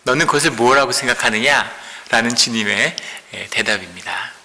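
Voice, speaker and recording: A man's voice: mid-range voice, normal speed, bright, forceful tone, slight background noise. A male pastor preaching a sermon, telling a parable and voicing the master and the disciple in turn. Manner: storytelling, acting out dialogue between master and disciple. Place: church sanctuary. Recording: long hall reverb.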